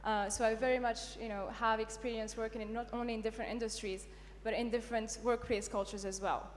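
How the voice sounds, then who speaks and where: Young Moroccan-born entrepreneur, confident, slightly high, reverberant hall with faint hum. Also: female voice, flat delivery, fast. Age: young adult. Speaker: entrepreneur panelist. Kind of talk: self-introduction on stage.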